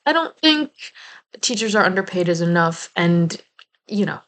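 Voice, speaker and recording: A woman's voice: on the low side, lively intonation, moderate pace, fairly bright tone. A young woman from New Jersey giving a casual video essay commentary, chatty and prone to playful asides. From New Jersey, United States.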